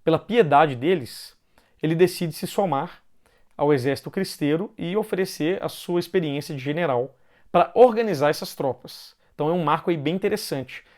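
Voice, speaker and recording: A man with a Brazilian Portuguese accent and a slightly mellow, somewhat high voice gives an informal explanatory talk. His pacing is loose, with pauses and restarts, and he often ends phrases with a questioning "né".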